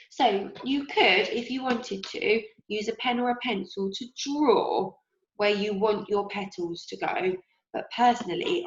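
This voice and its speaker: A young primary school teacher with a slightly croaky, medium-pitched voice leads a craft lesson for young children in a home kitchen indoors. She goes slowly and encouragingly, asking the kids questions along the way. The recording sounds roomy, dull, and lo-fi.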